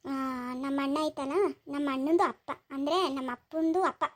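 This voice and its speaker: High-voiced chatty village vlogger woman. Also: steady tone, moderate pace. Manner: chatty, addressing viewers as friends. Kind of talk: comic village vlog.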